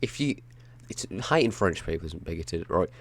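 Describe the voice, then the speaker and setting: A young man with a fairly low voice hosts a casual podcast chat. He talks crudely and swears often. The banter with his co-host is loose and rough. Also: animated, moderate pace.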